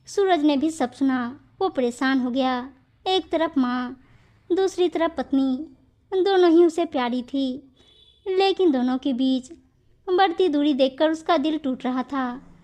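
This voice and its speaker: A woman narrating a scripted moral story with a steady, even reading. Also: sits high, unhurried.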